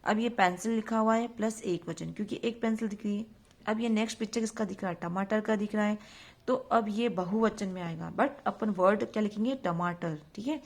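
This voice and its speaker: A woman's voice: mid-range voice, a little fast. Woman teacher, patient and repetitive, asks and answers her own questions. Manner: mixes English words into her Hindi. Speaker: school teacher. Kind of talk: recorded online grammar lesson for young children.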